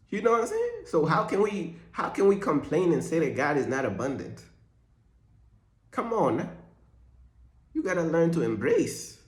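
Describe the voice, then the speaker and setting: In this loose, laid-back faith vlog, a young man from Uganda jokes and preaches by turns in slangy language. Echo fills the room, and his male voice pitches a bit high.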